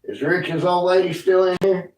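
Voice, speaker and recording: A high, a little mellow voice with fairly even intonation comes from a Northeast Tennessee woodworker hosting his livestream at normal speed. His thick Appalachian accent and informal rural grammar keep things folksy, and the indoor recording is echoey.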